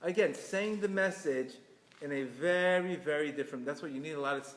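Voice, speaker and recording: A man giving a lively religious class, acting out quoted voices and laughing often as he teaches. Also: on the high side, fairly quick. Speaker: Torah lecturer. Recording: echoey hall.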